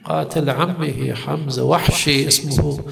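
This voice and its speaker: A man's voice: on the high side, steady tone, unhurried, vocal fry, a crowd in the background. A man preaching a sermon, telling stories, asking rhetorical questions and at times slipping into a chant. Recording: echoey hall with long reverb.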